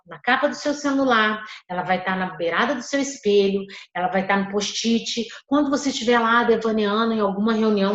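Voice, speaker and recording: A woman coaching listeners in an online masterclass, speaking in an emphatic, encouraging way and addressing them directly. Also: medium pitch. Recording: echoey room, dull lo-fi sound.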